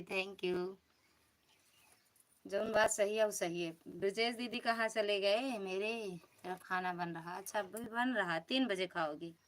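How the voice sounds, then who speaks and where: A woman's voice: mid-range voice, pushed and bright. A woman with an Awadhi accent hosting a casual live stream from home, chatting and teasing as she greets each viewer by name. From Uttar Pradesh, India.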